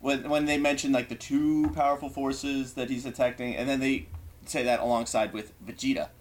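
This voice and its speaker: A man's voice: mid-range voice, steady tone, normal speed, a little hiss or hum. A man co-hosting a podcast, asking questions in casual chat with hesitant restarts. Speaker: podcast co-host.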